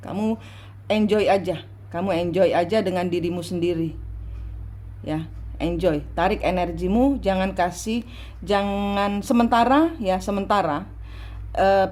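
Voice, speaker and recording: A woman giving a private tarot reading, coaching her client slowly and repeating her instructions. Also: medium pitch, a little mellow. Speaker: tarot reader.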